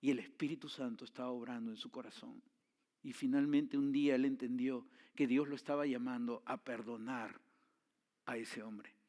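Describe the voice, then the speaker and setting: A man preaching a sermon, telling a story with swings from hushed tones to loud pleading. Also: mid-range voice, fairly even intonation, moderate pace. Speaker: pastor.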